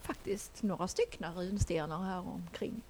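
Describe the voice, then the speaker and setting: A woman's voice: fairly low pitch, darkish tone, a little hiss or hum. A woman hosting a casual community radio show, chatting loosely, giggling and using plenty of fillers. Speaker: radio host.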